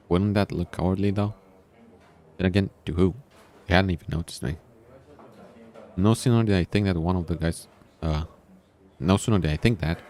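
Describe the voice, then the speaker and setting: Reading a visual novel aloud over background music, this man has a low voice with a darkish tone. He's informal throughout, breaking in with casual asides about the story.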